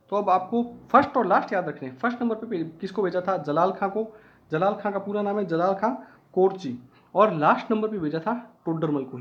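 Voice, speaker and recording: High-voiced teacher drilling exam facts. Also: male voice, highs cut off. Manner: repetitive, drilling key facts, asks and answers his own questions. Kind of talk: online exam-prep lesson.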